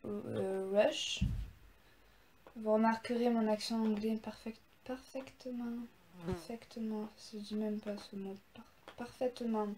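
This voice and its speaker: In her vlog, a young woman reacts to music while chatting casually, rambling and poking fun at herself. Her voice is on the high side and warm, with music playing in the background.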